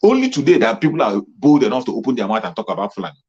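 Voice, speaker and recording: A fervent man speaks in a husky, slightly rough voice at a middling pitch, pressing his points again and again like a rallying commentator. The sound is muffled and lo-fi, with the top end dulled. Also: very animated, racing, a little mellow. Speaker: political commentator. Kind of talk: impassioned political monologue. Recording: muffled lo-fi recording.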